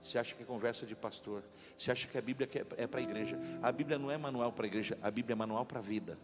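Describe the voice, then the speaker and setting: A man pastor preaching a lively sermon in a church, leading the congregation to repeat after him. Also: mid-range voice, rapid-fire. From Brazil. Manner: animated, call-and-response with congregation. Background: instrumental music.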